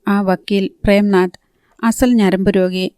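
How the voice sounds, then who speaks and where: A woman's voice: medium pitch, steady tone, slow pace, warm tone, dry recording, clean studio sound, natural voice. A woman voicing a breezy young woman who talks in a light, teasing way. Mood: amused.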